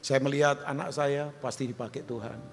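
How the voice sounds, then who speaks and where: A male pastor preaching a sermon, animated and humorous, jumping high for questions and quoted voices and dropping low and soft for appeals. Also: a little fast, gravelly, faint music behind. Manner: humorous storytelling with asides to the congregation. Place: large church hall. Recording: long hall reverb.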